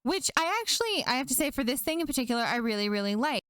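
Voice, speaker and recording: Podcast co-host lady chiming in a lot, smooth voice, kinda high, no room sound. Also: very animated, fairly bright tone, dry recording. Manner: eager, chiming in with quick agreement. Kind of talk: casual chat.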